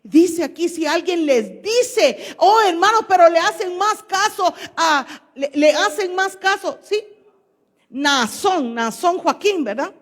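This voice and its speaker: A woman pastor preaching a sermon to her congregation, questioning them and reading scripture aloud. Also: extremely high pitch. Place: church. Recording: long church hall reverb.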